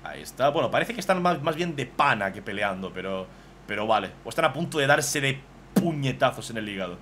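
A man, casually commentating on fan drawings as a streamer, excitable and swearing freely. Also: medium pitch, brisk, a little hiss or hum.

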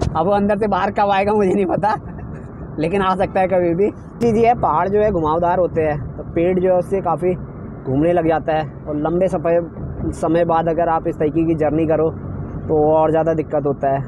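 A young man films a road trip vlog on a phone held at arm's length, chatting with viewers as if they were friends while feeling a bit queasy from travel sickness. He rides along mountain roads and later reaches a busy temple outdoors. His slightly high voice holds a fairly even intonation and moderate pace against background noise.

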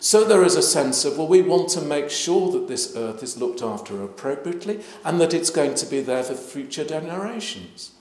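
A clergyman, giving a measured, emphatic talk at an interfaith event. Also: on the high side, big pitch swings, darkish tone. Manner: measured, emphatic, gesturing while speaking. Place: large plain hall. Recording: echoey hall.

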